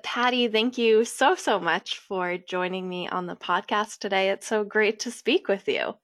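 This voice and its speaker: A woman hosts a podcast with upbeat enthusiasm, reading her introduction smoothly at a mid pitch. The recording is dry and close. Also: a little slow, fairly bright tone, no room sound. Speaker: podcast host, editor. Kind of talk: scripted podcast intro and interview.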